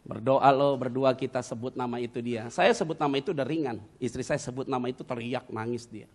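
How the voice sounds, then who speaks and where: A middle-aged man preaches at mid pitch, sliding from quiet confiding passages into sudden loud, emotional outbursts. He tells his own story in a vivid, dramatic way and drops English words into his speech. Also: fairly even intonation, fast. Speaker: pastor. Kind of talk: sermon.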